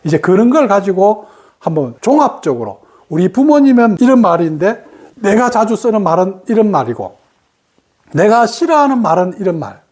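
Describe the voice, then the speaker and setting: Brief: woman meditation teacher, Gyeongsang accent, very animated pitch, mid-range voice, acts out quoted lines. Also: normal speed. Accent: Gyeongsang Korean. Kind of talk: spoken meditation lesson.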